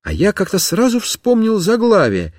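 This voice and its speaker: Expressive male storyteller, lively delivery. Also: high voice, moderate pace, dry recording, studio quality. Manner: expressive, comic first-person narration. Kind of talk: storybook reading.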